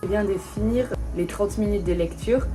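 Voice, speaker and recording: A young woman talks straight to her viewers in a relaxed vlog, chatty and self-mocking. She exclaims easily and keeps an even, mid-height voice. Light music sits faintly under her. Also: medium pitch, moderate pace. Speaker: vlogger. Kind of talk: casual vlog chat.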